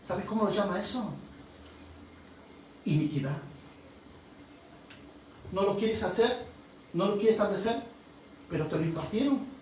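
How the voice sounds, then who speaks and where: High-voiced preacher in an echoey church. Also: male voice, lively intonation, a little slow, long pauses, darkish tone. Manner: impassioned preaching with call-and-response questions. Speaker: pastor. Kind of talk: sermon. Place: church hall. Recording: very echoey hall, voice from far off, faint noise.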